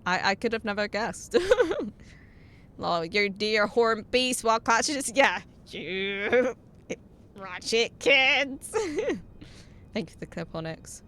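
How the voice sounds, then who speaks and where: A woman's voice: mid-range voice, a little slow, fairly bright tone. A young woman streaming a game, chatting casually with viewers, laughing often, swearing and reading out their messages. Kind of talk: casual live-stream chat while gaming.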